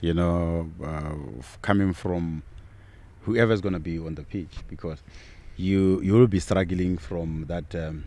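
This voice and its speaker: A middle-aged man co-hosting a football podcast outdoors, relaxed and laughing often, repeating words as he talks, speaking into a mic on a stand. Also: low voice, measured pace. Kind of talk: casual football talk. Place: outdoors on a sunny football field. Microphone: handheld mic on a stand.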